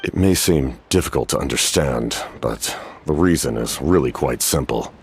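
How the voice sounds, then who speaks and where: A man voicing a stoic, solemn, centuries-old warrior captain in a game cutscene, speaking formally and gravely in measured phrases. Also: rumbling low, lively intonation, heavily acted. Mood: solemn, resolute. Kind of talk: dramatic video game cutscene dialogue.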